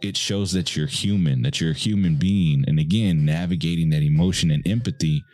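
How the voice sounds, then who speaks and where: Deep-voiced man giving earnest fatherly advice. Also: a little fast, darkish tone, soft background music. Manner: earnest, conversational, often checks in with "right?". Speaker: podcast host. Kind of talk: casual advice talk.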